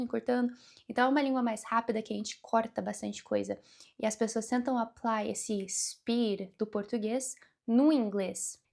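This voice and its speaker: A young woman giving a casual English lesson, speaking slowly and deliberately and mixing English words into her speech. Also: fairly high pitch, a little mellow. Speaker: English teacher.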